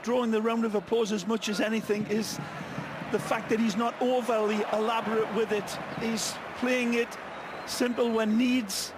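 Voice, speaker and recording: A man's voice: high voice, little pitch movement, normal speed. A man giving colourful, flowery analysis as co-commentator on a live football match. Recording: loud stadium noise behind. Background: football stadium crowd.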